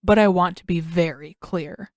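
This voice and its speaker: Picture a cold, condescending male admiral whose every word drips with sarcasm and mockery, as a woman reader puts him on. The tone sits a touch lower than usual for her, and the sound is dry and close. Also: normal speed, no room sound, lightly acted. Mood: sarcastic. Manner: mocking, sarcastic. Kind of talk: fan audiobook reading.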